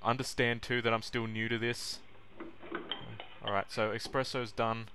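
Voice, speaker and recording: With a medium-pitched voice that barely moves and a moderate pace, a young man walks through making coffee for his vlog. The narration is relaxed and self-deprecating, recorded in a small home kitchen with plenty of clicking and clattering noise.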